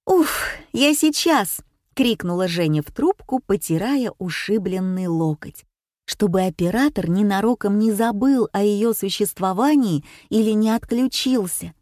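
A woman's voice: medium pitch, mellow, dry recording, studio quality. Woman narrating a storybook. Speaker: audiobook reader.

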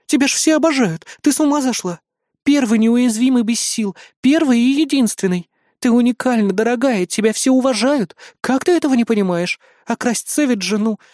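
A man voicing a gentle, affectionate woman who soothes her best friend, in an audiobook. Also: very high-pitched, brisk, dry recording, studio quality, voice pushed up. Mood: soothing.

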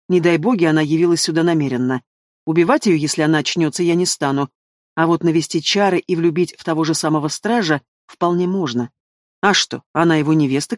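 A man's voice: a little high, no room sound, clean studio sound, natural voice. A man reading an audiobook, voicing a spiteful, scornful queen who hisses her threats. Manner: hissing, scornful. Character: spiteful hissing queen, cruel stepmother.

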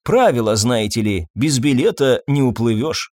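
A man voicing a suave male hotel owner who talks calmly, politely and ironically. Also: medium pitch, normal speed, no room sound, studio quality, close to an everyday voice. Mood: ironic.

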